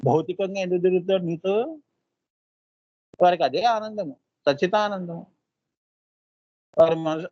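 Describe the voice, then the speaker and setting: A man as a spiritual teacher giving a devotional discourse. He often asks his listeners "right?" and chants seed syllables slowly. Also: high-pitched, darkish tone, no room sound, muffled recording.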